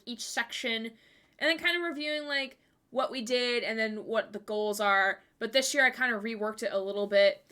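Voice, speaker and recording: This woman, in her twenties, has a bright, forceful, mid-range voice. She chats casually on a livestream, often laughing and cracking jokes about herself in a giggly way.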